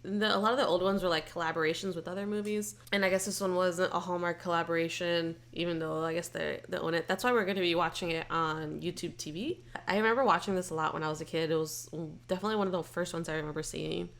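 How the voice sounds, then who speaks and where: A young woman co-hosting a podcast, reviewing a movie in casual, animated chat and laughing often. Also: lowish voice, fast talker, few pauses. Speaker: podcast co-host.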